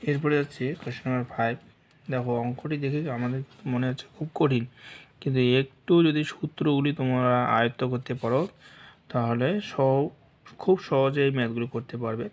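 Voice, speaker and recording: A man teaching a math lesson slowly and patiently, walking through each step and mixing English math terms into his speech. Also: medium pitch, fairly even intonation, a little mellow.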